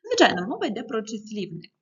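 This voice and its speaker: A woman teaching primary school children in a recorded video lesson, speaking clearly and patiently and giving careful stress to each number as she reads aloud. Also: on the high side, huge pitch swings, fast, a bit bright, muffled recording.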